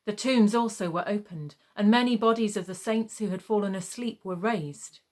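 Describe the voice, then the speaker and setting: A woman reading a scripted gospel narration in a measured, solemn manner. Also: medium pitch.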